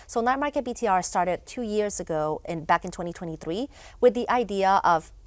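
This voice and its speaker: A woman's voice: mid-range voice, expressive, brisk, no echo. A young woman from Honduras, a guest in a studio interview, talking casually with many fillers and restarts. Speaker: guest, event founder.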